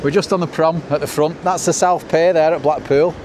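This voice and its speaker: A man's voice: a little high, fairly even intonation, a little fast, darkish tone. Upbeat northern English man, noisy outdoor recording. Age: middle-aged. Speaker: cycling vlogger. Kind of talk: casual ride-along commentary to camera. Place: outdoors on a bicycle.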